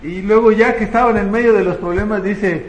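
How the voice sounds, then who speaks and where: A man's voice: high voice, fairly even intonation, brisk. A man preaching a conversational sermon, often asking the congregation rhetorical questions. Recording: echoey room, faint ambience.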